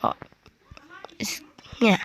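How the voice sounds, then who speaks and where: In an extremely slow whisper, a woman who makes gaming videos gives casual commentary on her gameplay. She chats with viewers as if they were friends and gets frustrated with the game easily.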